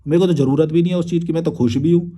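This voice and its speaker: A man's voice: on the high side, steady tone, very fast, mellow. A young man, a YouTube creator, replying to viewer comments in a blunt, crude and combative rant with frequent swearing.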